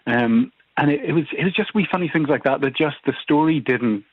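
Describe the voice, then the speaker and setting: A church minister, appearing as a guest on a radio interview, recounts events hesitantly and repeats his words. His voice is on the high side and a little fast, coming through a tinny, dry phone line.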